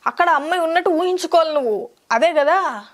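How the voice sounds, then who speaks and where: Woman host, high voice, teasing and impatient with the guest. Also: lively intonation. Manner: brisk, pushy, mocking. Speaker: interviewer. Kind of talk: teasing audition interview.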